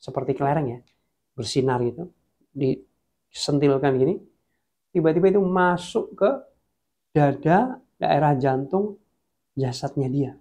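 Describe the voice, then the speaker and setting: A male preacher telling testimonies in a casual, playful sermon. He chats directly with his listeners, and his fairly high voice carries a steady gravelly rasp. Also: measured pace, pauses often. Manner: chatty, playful, addresses listeners as guys.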